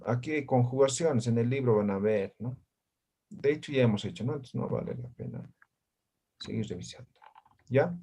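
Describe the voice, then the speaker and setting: A man's voice: medium pitch, a little mellow. Man teaching, checking in with "¿ya?". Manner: explains patiently, keeps checking with "¿ya?" and "¿no?". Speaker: language teacher. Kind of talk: online class teaching.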